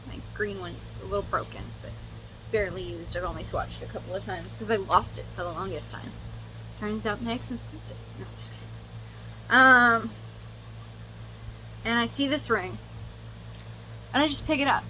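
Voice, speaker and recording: A woman's voice: medium pitch, a little fast, fairly bright tone, a little hiss or hum, low-quality recording. A young woman chatting casually to viewers and telling a story as she does her makeup, candid and sweary with sarcastic asides. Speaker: makeup vlogger.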